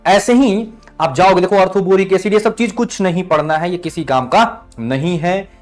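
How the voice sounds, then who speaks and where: A man's voice: high voice, moderate pace, soft background music. A male chemistry teacher giving an exam-prep lesson, calling students "beta" and checking in with "thik hai?" after each point.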